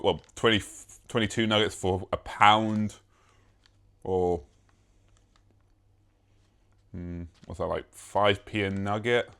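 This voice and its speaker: A young British man chats to his camera in a loose, rambling vlog. He is self-mocking and swears casually, and his voice sits slightly low. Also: fairly bright tone, clear, resonant tone. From Britain. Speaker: YouTuber.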